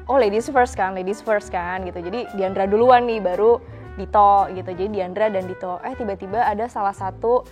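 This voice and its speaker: A woman's voice: medium pitch, brisk, darkish tone. A woman chatting informally to viewers as a channel host, answering questions and making announcements. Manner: chatty, informal, speaks directly to friends watching. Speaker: automotive presenter and channel co-host. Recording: music behind the voice. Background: background music.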